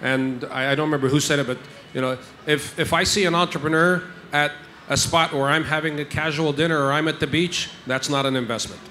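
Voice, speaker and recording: A man's voice: a little high, fairly even intonation, brisk, sharp tone, slight background noise. A man speaking as an investor on a panel, emphatic, repeating his points and checking in with the audience. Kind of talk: panel discussion. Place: stage in a large tent with an audience. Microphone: handheld mic.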